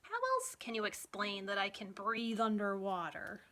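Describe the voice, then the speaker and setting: A woman children's librarian with a medium-pitched voice reads a picture book aloud, taking an expressive, deliberate storytime approach for young children.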